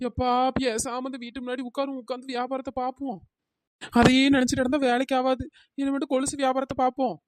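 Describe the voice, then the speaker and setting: High quick-talking cheeky village girl , a woman voicing her, teasing, dry close sound. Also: level tone, darkish tone, no room sound, natural voice. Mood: scared. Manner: teasing, wisecracking, melodramatic wailing when scared. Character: young village girl bangle-anklet seller, cheeky. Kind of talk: cartoon voice acting.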